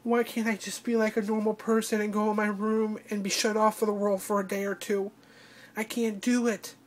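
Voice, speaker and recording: A woman crying as she speaks in a personal video diary, halting and breaking off to restart her sentences. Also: medium pitch, flat delivery. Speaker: vlogger.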